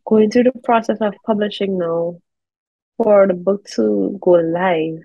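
Speaking a little slowly with vocal fry, a woman in her thirties with a Caribbean accent keeps a medium pitch and fairly even intonation. As an interview guest on a video call, she gives conversational answers about her work as an air traffic controller and children's author. The recording is dry, and the call audio slightly dull.

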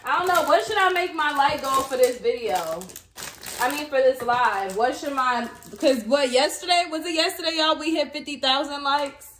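A woman's voice: sits high, moderate pace, a bit bright, reverberant, a little hiss or hum. Chatty woman vlogging. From Texas. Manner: chatty, addresses viewers as y'all. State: eating while talking. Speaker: lash business owner and vlogger. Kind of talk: casual vlog chat to viewers.

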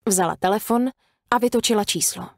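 A woman's voice: mid-range voice, dry recording, clean studio sound. Woman narrating a thriller audiobook. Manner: measured, even storytelling.

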